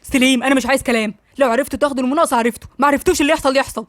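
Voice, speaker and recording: Woman narrator doing a blunt, hot-tempered young man, Egyptian accent, quick and dry, high voice. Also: steady tone, no echo, natural voice. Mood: curt. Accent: Egyptian Arabic.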